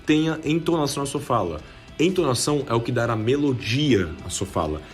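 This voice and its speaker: A man's voice: medium pitch, animated, brisk, faint music behind. A young Brazilian man reading a scripted explainer, switching his tone to act out examples. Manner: shifts tone to demonstrate speaking styles. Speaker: video narrator.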